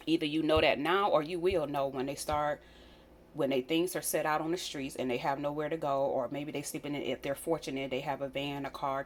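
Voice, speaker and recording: American lady vlogger, pretty low voice, earnest casual chat, repeats herself, bit of background noise. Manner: earnest, repeats phrases for emphasis. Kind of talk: casual direct-to-viewer chat.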